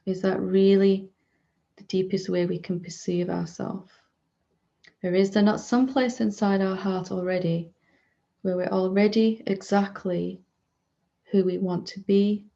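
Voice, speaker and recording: A woman acting as a spiritual teacher guides a meditation, gently delivering short, unhurried phrases separated by long pauses. Her mid-range voice is flat, with vocal fry, and the recording's highs are cut off.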